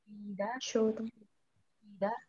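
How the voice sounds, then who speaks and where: A woman student answers her teacher very slowly and hesitantly. Her voice is fairly high, mellow and husky, heard dry and a little lo-fi. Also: little pitch movement, no room sound.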